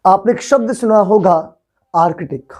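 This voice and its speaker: Brief: young male teacher in a classroom, mellow tone, coaxing, repeats words for students to echo. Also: high voice, a little slow. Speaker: English teacher. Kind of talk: classroom vocabulary lesson.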